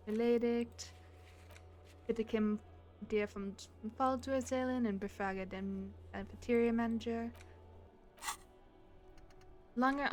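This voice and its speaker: Woman, let's play host, giggly, chatty, slightly high voice. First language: German. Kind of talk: gaming let's play, reading dialogue aloud.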